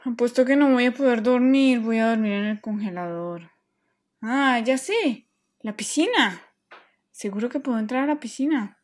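A woman's voice: fairly high pitch, lively intonation, moderate pace, close to an everyday voice. A woman voicing a restless, mischievous boy who complains dramatically, in a children's toy play story. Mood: fed up.

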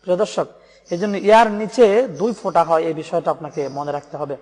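A man with a Bangladeshi Bengali accent teaching Quran pronunciation, patiently repeating letter names slowly for learners. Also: a little high, a little mellow, in a large hall. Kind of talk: step-by-step pronunciation lesson.

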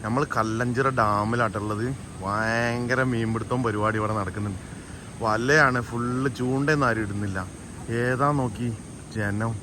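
Excitable man vlogging in mix, noisy outdoors. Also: fairly low pitch. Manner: Malayalam mixed with casual English words; excitable, exclaiming, chatty with bystanders. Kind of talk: casual on-location fishing vlog. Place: outdoors at a dam. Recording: noisy outdoor recording with rushing water.

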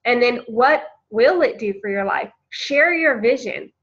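A woman's voice: a little high, lively intonation, a little slow, fairly bright tone. A woman leading a casual coaching presentation, chatty and encouraging, often calling her listeners "you guys.". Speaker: team coach leading a training call. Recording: lo-fi webinar audio.

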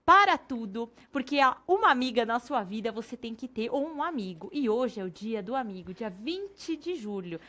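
A Brazilian woman hosts a craft class in a bright, fairly high voice. Her pitch leaps around as she jokes with her helper. She then slides into a hyped sales pitch. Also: animated, normal speed, hardly any pauses. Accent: Brazilian Portuguese. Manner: playful, chatty, hyped promo delivery. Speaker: craft teacher and host.

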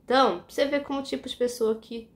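A young Brazilian woman vlogs in a high-pitched, fast voice with fairly even intonation and a Brazilian Portuguese accent. Chatty and indignant, she tells a story from her workplace and keeps tossing asides to her viewers.

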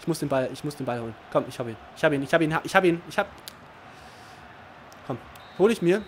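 A man commentating his own football video game match, excitable, swinging from low muttering to shouting. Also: fast, a little hiss or hum. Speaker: gaming commentator. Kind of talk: live Let's Play commentary.

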